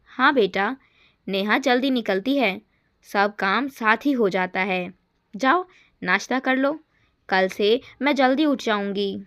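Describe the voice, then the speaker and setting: A woman voicing a gentle, kind middle-aged mother-in-law who reassures softly and warmly. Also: fairly high pitch, slow. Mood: reassuring.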